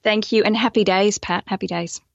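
An Australian woman chatting as a podcast guest, lively and quick to poke fun at herself. Her voice comes through a slightly dull, lo-fi remote line, dry with no room sound, at an ordinary middle pitch. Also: vocal fry, no room sound. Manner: chatty, lively, jokey and self-mocking. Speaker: guest, online business owner. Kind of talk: casual podcast conversation.

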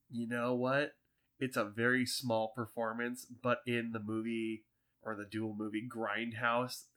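Brief: male podcast host, bright tone, enthusiastic rambling film chatter. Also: medium pitch. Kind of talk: casual movie podcast chat.

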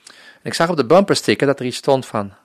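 A man's voice: mid-range voice, lively intonation, a little fast, dry recording, clean studio sound. A man from the Netherlands, a missionary, telling his personal faith testimony in an interview. He speaks earnestly and often acts out remembered dialogue. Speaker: missionary guest.

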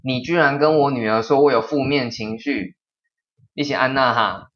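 A man's voice: medium pitch, heavy background noise, natural voice. A man imitating an irate, boastful elderly man who scolds and lectures. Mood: scolding. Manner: grumbling, lecturing, slow and indignant. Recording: slightly dull lo-fi sound.

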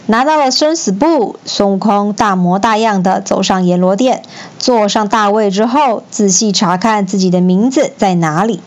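A woman storyteller reading a children's classic aloud in an expressive, lively manner. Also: mid-range voice, normal speed, dull audio.

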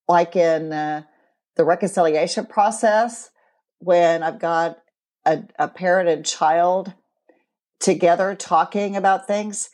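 A woman in her forties, co-hosting a podcast and explaining things in a measured way from her counseling work. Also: lowish voice, a little mellow. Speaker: podcast co-host and co-parenting counselor. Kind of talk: casual podcast chat.

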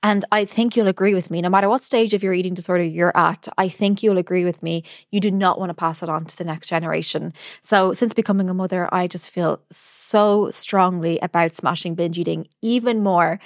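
A woman's voice: fairly low pitch, steady tone, moderate pace, no room sound. A woman hosting a solo podcast, talking directly to the listener in an earnest, emphatic way on a close mic. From United Kingdom. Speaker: podcast host, dietitian.

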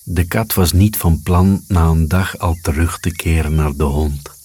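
Slow, deep-voiced male storyteller. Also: husky. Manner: calm, even, unhurried reading. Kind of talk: scripted storybook narration.

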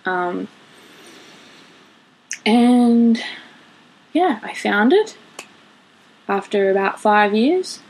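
Young woman, podcast host, rambling solo talk, unhurried, creaky low rasp. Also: low-quality recording. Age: 20s. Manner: rambling, candid, laughs and swears often. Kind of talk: casual solo monologue.

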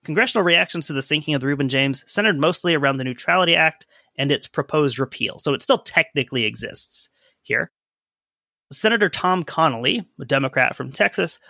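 A man's voice: fairly high pitch, sharp tone, no room sound, clean studio sound. A man co-hosting a casual history podcast, reading old newspaper quotes aloud in a conversational way. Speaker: podcast co-host.

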